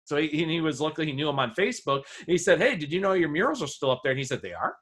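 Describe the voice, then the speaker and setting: Fast-talking man telling classroom stories. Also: animated, fairly bright tone, breathy edge. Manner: rambling storyteller, acts out quoted students with a high voice. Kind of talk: casual conversation.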